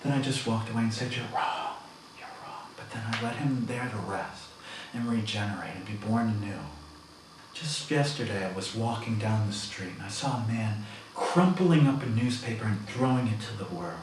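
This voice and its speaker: A man speaking softly and earnestly as a self-important meditation guide in a mock guided meditation. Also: on the low side, expressive, moderate pace. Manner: soft-spoken, earnest, solemn, self-important. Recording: very echoey, distant mic, faint noise.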